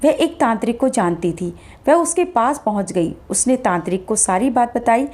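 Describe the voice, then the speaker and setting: A woman's voice: a little high, normal speed. Woman narrating a horror story. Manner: steady, dramatic storytelling.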